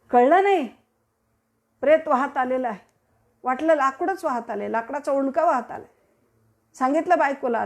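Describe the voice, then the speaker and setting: A woman from Maharashtra giving a devotional discourse as a kirtan preacher, rhetorical and declaiming with sudden swells. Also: high-pitched.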